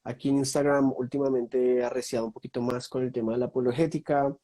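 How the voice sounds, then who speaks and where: Speaking fast with fairly even intonation, a young Colombian guest in a casual online conversation lists topics thoughtfully amid frequent fillers. He has a mid-range, dark-toned voice and a Colombian Spanish accent.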